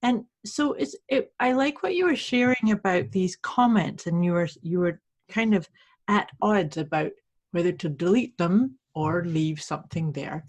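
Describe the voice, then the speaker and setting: A woman from Canada speaking as a podcast host and coach, teaching conversationally in a polite, measured, explanatory way. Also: on the low side, expressive, a little mellow.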